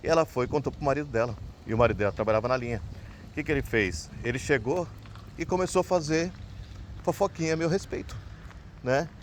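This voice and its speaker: A little hiss or hum accompanies this medium-pitched Brazilian man, a fast-talking vlogger telling a personal story. He rambles in a casual way with a Brazilian Portuguese accent, tacking "né?" onto the ends of his sentences.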